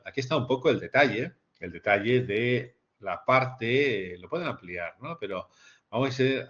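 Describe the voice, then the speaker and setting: A man presents a business case to master's students in an explanatory lecture over slides, repeating phrases for emphasis and posing rhetorical questions. His voice is lowish and a bit bright, and the recording sounds dull and lo-fi.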